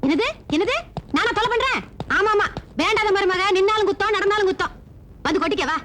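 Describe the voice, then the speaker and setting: An actress playing a sharp-tongued, middle-aged stepmother who scolds and complains in rapid bursts in a 1990s film. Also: very high voice, background noise. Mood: bitter.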